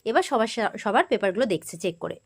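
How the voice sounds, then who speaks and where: A recap-channel host with a West Bengal accent chats through a TV serial's events, quoting the characters' exchanges along the way. Her medium-pitched voice is lively in intonation, slightly rough, and fast.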